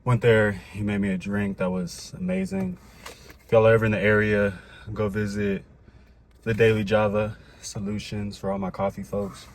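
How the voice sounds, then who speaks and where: A young man chats in a loose, rambling vlog style, a little winded as he talks. His voice sits low. Faint ambient noise hums behind him. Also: moderate pace. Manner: upbeat, rambling, faith-filled talk with fillers. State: out of breath. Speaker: vlogger. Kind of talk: casual vlog talk. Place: Dallas, Texas.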